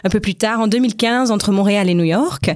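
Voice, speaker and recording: A woman's voice: medium pitch, fairly quick, no room sound, clean studio sound. A woman from France answering radio interview questions, thoughtful and hesitant, with many fillers and restarts. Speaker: guest researcher.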